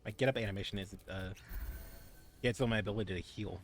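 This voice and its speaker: A man's voice: fairly low pitch, fast, slight background noise. A man streaming a co-op game, chatting casually and explaining the rules to his friends. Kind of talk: casual gaming chat.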